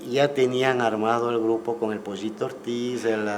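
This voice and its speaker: A man, a guest musician recalling the past in a relaxed, storytelling way and often ending with tag questions. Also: medium pitch, normal speed. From Ecuador. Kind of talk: casual interview conversation. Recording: clear background noise.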